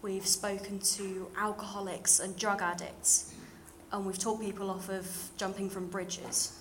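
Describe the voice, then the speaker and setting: A woman's voice: medium pitch, level tone, unhurried, fairly bright tone. A young woman from London with a modern British, slightly RP accent, giving an earnest, plain-spoken personal testimony talk to a church congregation. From London, England. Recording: clear background noise and room ambience.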